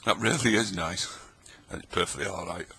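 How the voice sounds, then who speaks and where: Late at night at his table, a middle-aged man tastes old tinned food and chats, jokes and rambles, talking while he eats in casual vlog style. His voice is deep, fairly quick, pushed and bright, with slight background noise.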